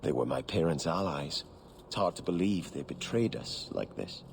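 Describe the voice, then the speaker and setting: A devout game noble: low, formal, earnest, over steady hiss. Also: male voice, moderate pace, gravelly, heavily acted. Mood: solemn. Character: devout exiled young male noble. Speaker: game character.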